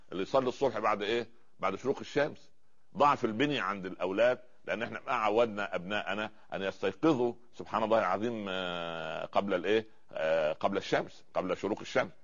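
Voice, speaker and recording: Fast-talking Egyptian preacher, low voice. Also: male voice, fairly bright tone, dull audio. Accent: Egyptian Arabic. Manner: rhetorical questions, fills gaps with drawn-out pauses. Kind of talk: religious lecture.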